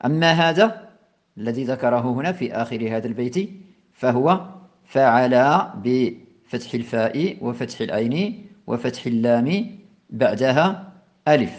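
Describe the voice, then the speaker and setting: A man's voice: medium pitch, expressive. Patient man teaching classical Arabic grammar. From Morocco. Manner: recites the verse loudly, then explains it slowly and patiently. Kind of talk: lecture explaining a classical poem.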